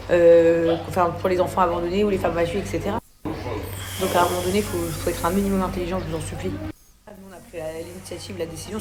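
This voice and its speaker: A woman recording a rambling, indignant phone video at a doctor's office, full of hesitations. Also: on the low side. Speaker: social media personality. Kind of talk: selfie video message. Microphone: phone camera. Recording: loud background noise.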